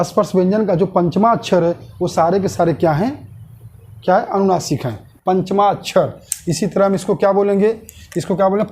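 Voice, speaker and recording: This online grammar teacher speaks in a high, slightly mellow voice. He asks the class questions, answers them himself, and slowly repeats key terms.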